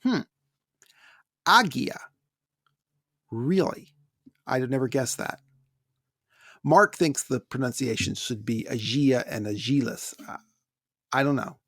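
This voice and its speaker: A man's voice: medium pitch, expressive, a little slow, vocal fry, pauses often, dry recording, studio quality. An American man co-hosting a podcast, reading listener emails aloud and adding wry asides in casual chat. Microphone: close podcast microphone.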